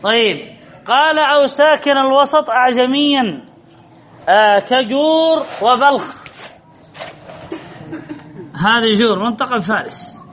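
Reading aloud from a classical Arabic grammar text, this man quizzes his students and then repeats what they answer. His voice is extremely high and a bit bright, a little slow with frequent pauses, and the audio is slightly dull with faint background noise.

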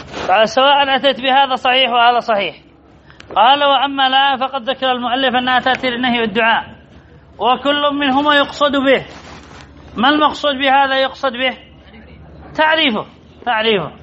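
A very high, sharp-toned male voice teaches Arabic grammar to a class, reading from a text and repeating key terms. He calls on students by name to answer. The classroom recording sounds dull and lo-fi, with a little hiss or hum.

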